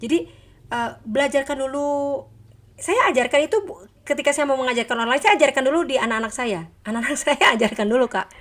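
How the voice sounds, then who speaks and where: Animated middle-aged woman giving church testimony. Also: sits high, quick pace. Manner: animated storyteller, laughs often, quotes her children. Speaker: guest speaker.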